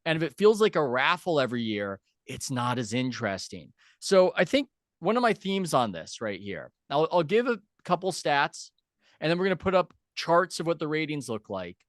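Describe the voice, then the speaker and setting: A man's voice: a little high, big pitch swings, fairly bright tone, no room sound, clean studio sound. A man hosting a sports talk show, arguing his opinions emphatically and changing his pace for stress. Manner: argumentative, emphatic, speeds up and slows down. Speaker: show host.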